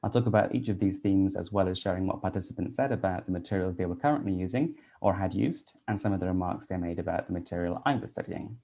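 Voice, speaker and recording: With a low, creaky voice, a teacher and researcher from Wales in his thirties presents a prepared conference talk. His delivery is measured and read-out, dotted with soft "um"s.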